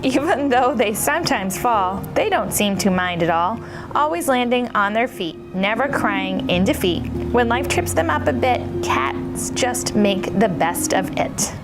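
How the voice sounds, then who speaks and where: A woman's voice: on the high side, lively intonation, measured pace, over music. A woman hosting a children's story time, playful and bubbly like an entertainer for young listeners. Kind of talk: children's story time chat and read-aloud.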